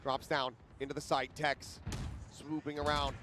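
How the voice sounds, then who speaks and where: A man doing esports caster play-by-play, dramatic, moving from measured narration to shouted calls. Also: on the high side, level tone, a little hiss or hum. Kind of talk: esports caster live match commentary.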